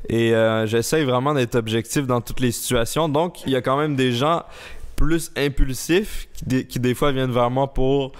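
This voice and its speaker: A young man in his twenties from the Laurentides speaks with a Quebec French accent that has shifted a little. His voice is smooth and clear. He talks as a podcast guest in a relaxed, low-key way, with hesitant fillers. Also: moderate pace. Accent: Quebec French, slightly shifted. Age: 20s. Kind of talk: casual chat.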